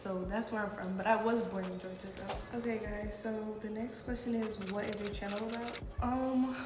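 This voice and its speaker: In a very echoey, reverberant room with music behind her, a young American woman chats to her vlog viewers. Her voice sits fairly high and sounds stuffed up, as if through a blocked nose from a head cold. She talks informally, peppering her sentences with "like". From United States, partly New York City. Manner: informal, frequent "like". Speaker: video blogger. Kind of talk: casual chatty Q and A vlog.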